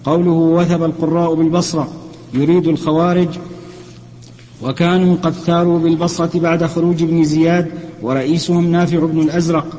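A man reading a classical text aloud for his teacher in a lesson, steady and even, correcting himself now and then. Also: a little high, fast talker, big-room sound, muffled recording. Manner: steady, even recitation with small self-corrections.

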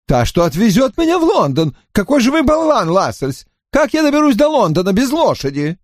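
A man voicing a cowardly, panicky gentleman in high, pleading, shrill tones in an audiobook. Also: big pitch swings, brisk, no room sound, studio quality.

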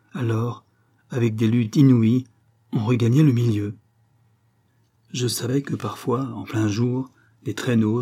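A man reading a story aloud as narrator, with measured, grave delivery. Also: mid-range voice, dark tone. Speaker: audiobook narrator.

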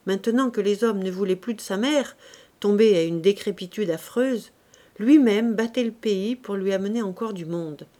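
A woman narrating a classic novel as an audiobook reader, in a measured, even storytelling delivery. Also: medium pitch.

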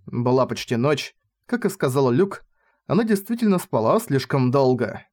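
A man's voice: mid-range voice, big pitch swings, moderate pace, darkish tone. Man reading a novel aloud. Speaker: audiobook narrator. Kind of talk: scripted narration of a novel.

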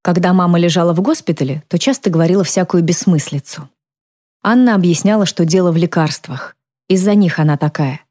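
A woman calmly narrating a first-person novel as an audiobook reader. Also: lowish voice, a little fast.

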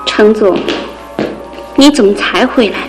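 A woman's voice: medium pitch, a little slow, over music, natural voice, low-quality recording. An actress playing a long-suffering wife and mother in an emotive, theatrical radio drama style. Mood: reproachful.

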